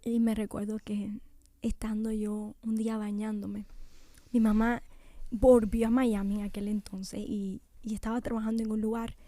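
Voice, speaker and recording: A woman's voice: mid-range voice, level tone, normal speed, warm tone, no echo. A young woman giving an emotional personal testimony in a radio studio, often sinking to a near whisper.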